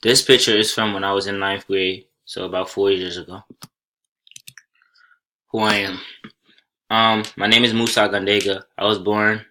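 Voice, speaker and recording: A young Senegalese college student whose first language is Soninke takes his class through a slide presentation. His voice is low with a bright, forward edge, and his tone stays level. He speaks plainly and unhurriedly, occasionally restarting a phrase.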